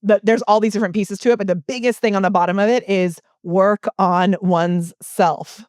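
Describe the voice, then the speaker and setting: A middle-aged woman speaks as a guest in a casual interview, in an ordinary mid-range voice. She tells stories in an animated way and laughs between her points. Her voice sounds dry and close. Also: mid-range voice, moderate pace, dry recording. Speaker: guest, business coach.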